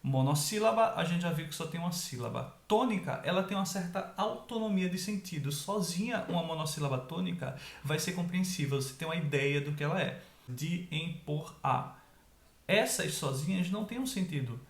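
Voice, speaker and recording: A man teaching an online grammar lesson, explaining step by step and checking in with quick tag questions. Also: on the high side, creaky, reverberant.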